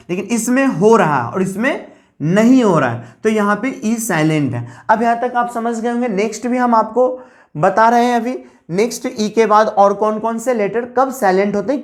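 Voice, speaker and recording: A woman's voice: on the high side, lively intonation, normal speed. A woman giving an English spelling lesson, spelling words out letter by letter and often addressing her students as "guys". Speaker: English teacher. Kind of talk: classroom lesson explaining spelling rules.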